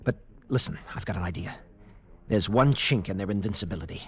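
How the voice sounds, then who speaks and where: A haunted, defiant lieutenant who escaped captivity narrates his own ordeal in a low male voice, urgent and grave, using dramatic pauses for intensity. It is first-person dramatic radio narration in the style of the 1940s and 50s.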